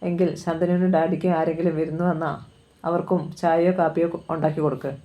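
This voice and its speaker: A woman's voice: low voice, little pitch movement, fast, dull audio. A woman reading a novel aloud, telling the story steadily and lightly voicing the dialogue. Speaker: novel reader.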